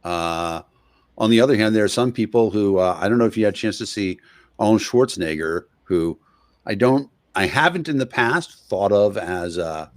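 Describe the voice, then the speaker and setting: A man hosting an interview over a video call, conversational, pausing often with hesitations. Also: lowish voice, animated, no room sound. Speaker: guest host.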